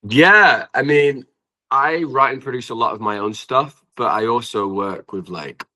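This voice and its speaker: A young British man, a singer-songwriter, chats casually as an interview guest from his apartment, rambling informally and peppering his talk with "like". His voice is mid-range, bright and forceful, and he's unhurried.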